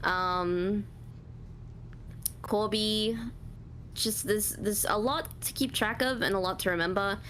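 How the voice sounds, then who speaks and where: In a casual Q&A interview, a woman with a naturally high voice talks about her voice acting and art. She sounds relaxed and hesitant, with lots of pauses, ums and fillers, and laughs at herself. The recording is rough, with a little hiss or hum.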